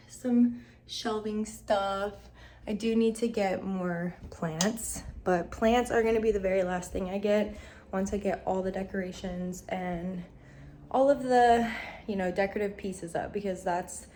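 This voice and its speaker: A young woman vlogging in a chatty, rambling way, with many fillers, her voice hoarse from a recent cold. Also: mid-range voice, a little mellow, slight background noise. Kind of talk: casual vlog chat.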